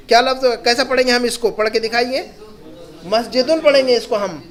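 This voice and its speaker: High-pitched male teacher, patient classroom delivery, reads slowly then explains fast. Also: a bit bright. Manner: slow, drawn-out reading of each word, then quick explanations with checking questions. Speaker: Arabic teacher. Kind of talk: classroom lesson, reading and translating words.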